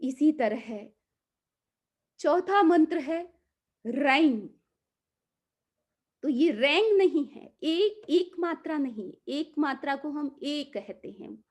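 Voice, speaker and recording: A woman giving a calm, slow mantra lesson, drawing out the chanted syllables. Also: high voice. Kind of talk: guided mantra pronunciation lesson.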